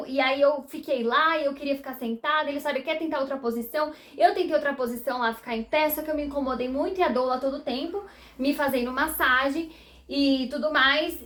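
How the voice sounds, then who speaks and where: A young Brazilian vlogger with a high voice and a Brazilian Portuguese accent tells her viewers a personal story. She's chatty and animated as she talks.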